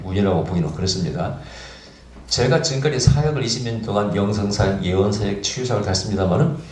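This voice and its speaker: A man preaching as pastor, telling a story with lively acted-out dialogue. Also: lowish voice, echoey room. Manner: animated, acts out dialogue in the story. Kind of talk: storytelling sermon.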